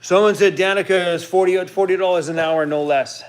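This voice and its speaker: Reading out comments from viewers, a rambling Canadian host in his fifties runs a relaxed live stream and sometimes coaxes his dog in a high voice. He talks a little fast with fairly even intonation, and his voice sounds smooth.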